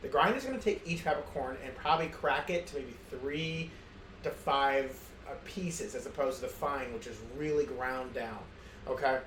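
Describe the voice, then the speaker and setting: A man's voice: mid-range voice, moderate pace, fairly bright tone. A middle-aged man hosting a casual home cooking demonstration, talking in a rambling, self-amused way with many fillers and restarts. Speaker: home cooking show host. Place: home kitchen. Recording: roomy kitchen with faint ambient noise.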